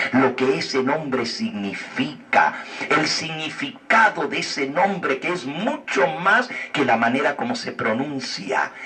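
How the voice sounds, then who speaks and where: A man's voice: mid-range voice, sharp tone, far from the mic. A man teaching the Bible, answering a viewer's question in an earnest, persuasive way and asking rhetorical questions. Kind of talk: explanatory religious talk.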